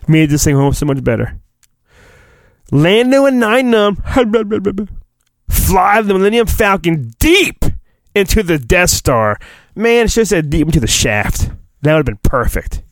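This podcast host's voice sits high and sing-song, with a measured pace and no echo. He performs a children's storybook with exaggerated drama, interrupting himself for cheeky jokes and juvenile innuendo.

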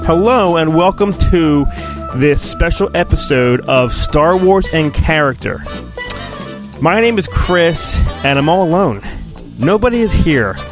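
With music in the background, a middle-aged man hosts a solo podcast in a fairly high, sing-song, unhurried voice. He rambles casually and reads a storybook in mock-dramatic fashion, joking and self-deprecating throughout.

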